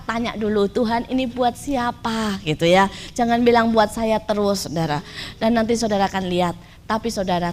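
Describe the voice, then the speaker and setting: A middle-aged woman preacher telling a story in a sermon, often turning to her listeners directly. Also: medium pitch. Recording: faint background noise.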